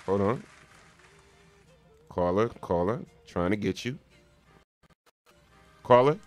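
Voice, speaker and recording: A male morning radio DJ hosts a casual call-in show, his loose patter full of repeated phrases and friendly shout-outs, delivered animatedly at a slow pace. His voice is an ordinary male pitch leaning low. Music plays faintly beneath him, along with a faint crowd.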